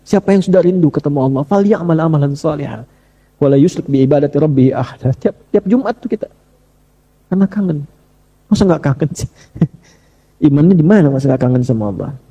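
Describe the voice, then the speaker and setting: Animated male preacher with a mellow voice. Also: breathy edge, highs cut off. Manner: lively, rising to high emphatic bursts, addressing the audience directly with questions. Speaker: Islamic preacher. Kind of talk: sermon.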